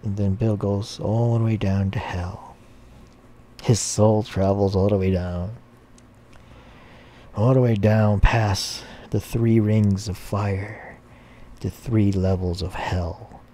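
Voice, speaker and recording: A man telling a long anti-joke in a slow, plain, rambling way. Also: fairly low pitch, fairly even intonation, dark tone, slight background noise. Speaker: storyteller.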